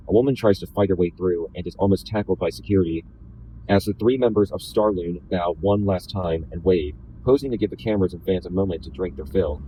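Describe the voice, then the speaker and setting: A man reading a first-person novel aloud in a deliberately flat, slightly robotic delivery. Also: deep voice, slight background noise, poor audio. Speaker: reader.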